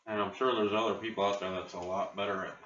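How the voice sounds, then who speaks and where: A man's voice: lowish voice, steady tone, fast talker, fairly bright tone. American man vlogging from a roomy garage. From Ohio, United States. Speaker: video blogger, channel host. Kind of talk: casual vlog chat. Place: home garage. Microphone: built-in laptop camera microphone. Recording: roomy, distant, muffled laptop mic with faint noise.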